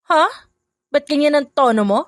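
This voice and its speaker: A woman's voice: high voice, normal speed, no room sound, clean studio sound, voice pushed up, close to an everyday voice. A woman voicing a scheming stepmother who snaps scornfully at her stepdaughter and turns sweet on phone calls. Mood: scolding. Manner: sharp, scornful, sugary when on calls.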